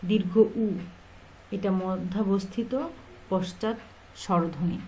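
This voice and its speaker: A woman's voice: mid-range voice, slow, dark tone, a little hiss or hum, poor audio. A woman with a Bangladeshi Bengali accent teaching an exam-prep lesson, asking questions and answering them herself, repeating key points.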